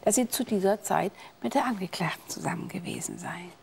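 An actress playing a judge in a scripted courtroom show, firmly pressing a witness for a yes or no. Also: female voice, mid-range voice, wildly swooping pitch, fairly quick, gravelly, a little mellow, slight background noise. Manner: firm, pressing questioning. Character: stern, firm female judge.

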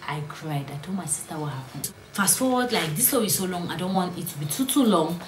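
A young woman, telling her own story in a storytime vlog, earnest and often sinking to a hushed whisper. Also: on the low side, animated, fairly quick, background noise. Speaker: vlogger. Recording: roomy echo, faint ambience.

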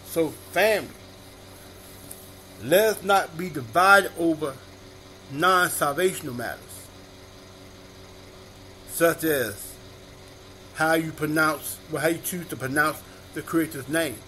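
A male minister delivering a sermon, reading scripture aloud and repeating each verse reference slowly and deliberately. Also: a little high, bright, forceful tone.

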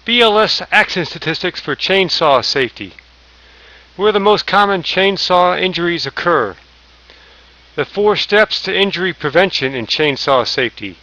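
A man's voice: high voice, expressive, normal speed, pushed and bright, lo-fi sound. A man narrating a safety training slideshow, reading lists aloud with small slips and restarts. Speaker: safety instructor.

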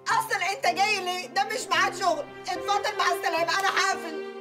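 Proud, high-voiced Egyptian young woman. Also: fairly even intonation, quick pace, loud music behind the voice. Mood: indignant. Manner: sharp, scolding, tearful outbursts. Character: proud young woman, fiercely defensive of her honor. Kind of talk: TV drama acting.

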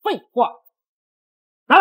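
A man's voice: takes it slowly, bright, forceful tone. A man playing a jeering, bullying factory supervisor. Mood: domineering. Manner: taunting, jeering, often laughing. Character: arrogant bullying male factory supervisor, mocking. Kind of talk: short-video skit acting.

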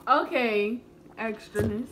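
Young woman guest, casual banter, highish voice, faintly noisy room. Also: slow, fairly bright tone. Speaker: guest on sister's video. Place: home kitchen, indoors.

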